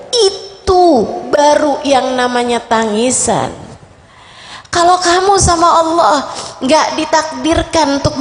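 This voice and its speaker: A woman preacher delivering an impassioned, emotive sermon. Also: sits high. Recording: echoey hall.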